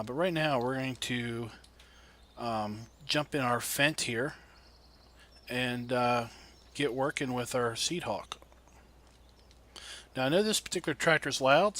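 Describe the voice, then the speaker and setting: Loud vehicle engine noise from a tractor sits under this man's voice as he hosts a farming game video. His gameplay commentary is casual and unhurried, folksy as he thinks out loud.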